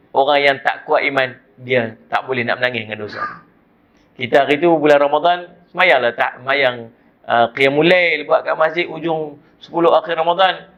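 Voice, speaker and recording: A man's voice: a little high, highs cut off. A man preaching a mosque sermon with a Malaysian Malay accent, telling stories and speaking directly to his listeners. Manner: lively storytelling, addresses listeners directly, chuckles.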